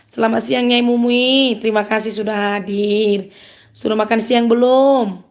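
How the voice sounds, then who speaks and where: A woman with a Medan accent and a slightly high voice hosts a live stream. She reads viewer comments aloud and answers them in an upbeat, chatty way, laughing often. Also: fairly even intonation, a little slow. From Medan, North Sumatra.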